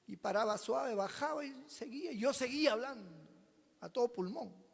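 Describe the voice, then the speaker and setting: A man, a pastor preaching a sermon as a personal testimony, telling it dramatically and swinging between loud passages and hushed ones. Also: extremely high pitch, lively intonation, moderate pace, gravelly, husky. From Peru. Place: church sanctuary. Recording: long reverb of a church hall.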